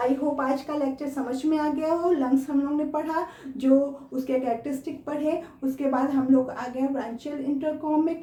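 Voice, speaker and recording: This Indian-accented biology teacher has a high, warm voice as she lectures school students in an echoey room. Her style involves posing questions and repeating the key terms.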